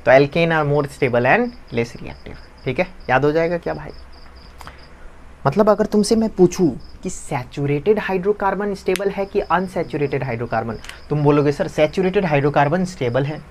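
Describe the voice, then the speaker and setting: A man with a fairly high voice, teaching in a loose, chatty classroom style. He keeps asking questions and answering them himself, repeating each key term so it sticks. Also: moderate pace, a little hiss or hum. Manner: conversational, asks and answers his own questions, repeats key terms.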